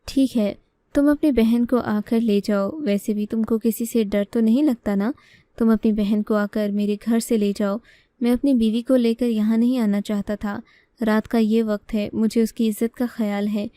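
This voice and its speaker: Anxious young brother, read by a woman, urgent and defensive, mellow dark voice, dry close sound. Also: a little high, fairly even intonation, dry recording, natural voice. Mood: indignant. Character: worried young man, the heroine's brother, defensive.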